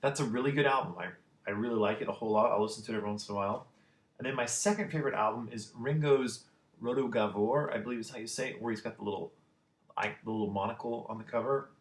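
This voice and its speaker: A man's voice: on the low side, fast. A man talking casually and enthusiastically about his favorite albums, rambling with lots of ums and restarts, in a room with a computer. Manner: enthusiastic, rambling with many fillers. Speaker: music vlogger. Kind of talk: casual album ranking talk. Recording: roomy echo.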